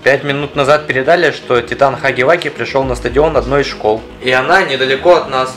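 A young man delivers scripted lines for a comic skit. His voice is mid-pitched, with light music under it. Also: fast talker, fairly bright tone. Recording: music behind the voice.

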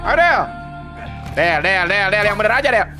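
A man's voice: high-pitched, expressive, moderate pace. A young man, bantering coarsely and teasing his co-op partner during a game stream. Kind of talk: casual gaming stream chat. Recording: game stream with loud music behind.

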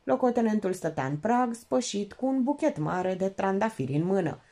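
A woman narrating an audiobook in an expressive storytelling manner. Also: medium pitch. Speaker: audiobook reader.

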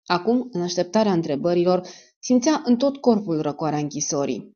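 A woman narrating an audiobook in a measured, even storytelling manner, in a dull lo-fi recording. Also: lowish voice. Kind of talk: scripted narration of a spy novel.

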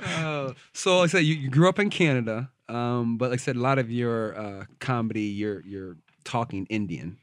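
A man's voice: medium pitch, no echo, clean studio sound. A man from Cleveland, Ohio, co-hosting a casual chat, teasing and laughing along while he asks questions. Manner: teasing, quick to laugh, feeds lines to the guest. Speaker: podcast co-host.

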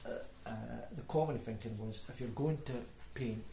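A man's voice: medium pitch, normal speed. A man in his forties with a broad Scottish accent, chatting casually in a rambling, hesitant, self-deprecating vlog. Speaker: beginner painter making video diary. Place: indoor room at a table. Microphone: microphone, off camera. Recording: roomy echo, background noise, clicks.

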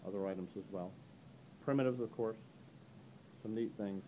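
Chatty auctioneer man with a mellow voice. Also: moderate pace, a little hiss or hum, low-quality recording. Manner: chatty, upbeat pitch with frequent "ladies and gentlemen". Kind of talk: walk-through preview of auction items. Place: indoor antique gallery. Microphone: handheld camera mic, speaker behind the camera.

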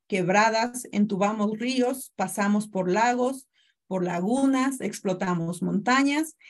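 Ecuadorian woman in her thirties, courteous webinar presenter on a video call mic. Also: a little high. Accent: Ecuadorian Spanish. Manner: courteous, greets attendees by name, explanatory. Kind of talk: online presentation.

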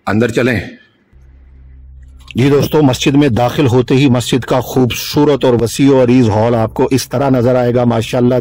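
A man's voice: mid-range voice, dark tone. A man in his thirties presenting a mosque tour vlog, speaking enthusiastically with devotional phrases, filmed on a phone camera at arm's length from a car at night and then outside a mosque. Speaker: travel vlogger.

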